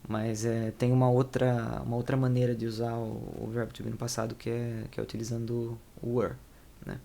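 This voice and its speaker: Gravelly-voiced Brazilian man teaching casually. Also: medium pitch, monotone, brisk, dark tone, a little hiss or hum. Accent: Brazilian Portuguese. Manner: rambling, self-correcting, informal slang. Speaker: English teacher. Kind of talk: casual explanatory lesson.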